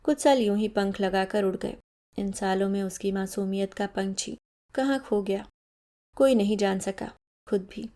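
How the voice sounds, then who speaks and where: A woman storyteller reading a literary short story in a measured, dramatic way. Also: mid-range voice, mellow. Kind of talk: scripted literary narration.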